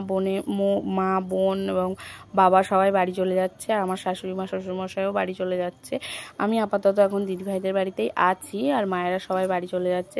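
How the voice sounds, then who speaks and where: A woman's voice: mid-range voice, vocal fry, darkish tone. A young woman, narrating her family's day in a homely, chatty vlog and talking straight to her viewers. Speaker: family vlogger.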